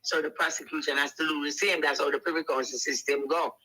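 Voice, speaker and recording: A man's voice: fairly high pitch, steady tone, fast talker, pushed and bright, rough recording. A man with a Jamaican accent, co-hosting a casual discussion and laying out his points methodically. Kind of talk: casual talk-show discussion.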